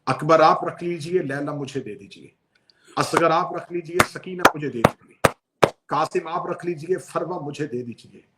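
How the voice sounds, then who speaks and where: A man's voice: on the high side, unhurried, very noisy, close to an everyday voice. A man voicing a grieving but resolute noblewoman in a tearful, pleading recitation. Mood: tearful resolve.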